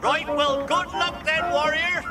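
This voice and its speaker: An actor playing a high-voiced, anxious little tugboat in a children's model-animation show. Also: male voice, steady tone, measured pace, distant mic, over loud music. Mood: fretful.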